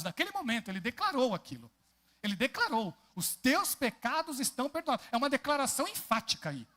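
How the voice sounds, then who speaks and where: A man with a Brazilian Portuguese accent preaches in a church, his voice rising and falling widely across a fairly high middle pitch. He keeps turning to the congregation with questions as he explains the text. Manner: animated, often asks the congregation questions. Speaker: pastor. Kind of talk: expository sermon.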